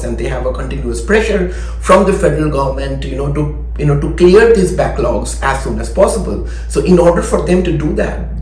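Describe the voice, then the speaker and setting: A man's voice: a little high, darkish tone. Congested man in an echoey room. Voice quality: choked, congested voice. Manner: explanatory, frequent "you know" asides. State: recovering from a choked voice. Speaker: immigration consultant presenting advice. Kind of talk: informal explainer to viewers. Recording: echoey room with background noise.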